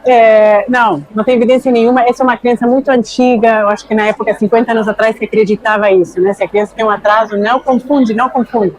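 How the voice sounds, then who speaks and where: An Argentine neuroscientist whose first language is Spanish joins a conversation as a guest, explaining things thoughtfully and often checking in with "né". Her voice is a little high and darkish, steady in tone, quick and with hardly any pauses. The recording quality is low.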